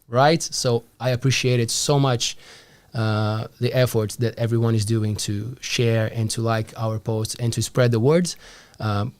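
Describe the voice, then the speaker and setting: A man's voice: medium pitch, darkish tone. Upbeat man in his thirties hosting. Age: 30s. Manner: friendly, upbeat, lots of fillers. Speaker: show host. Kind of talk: casual live show chat. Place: small studio.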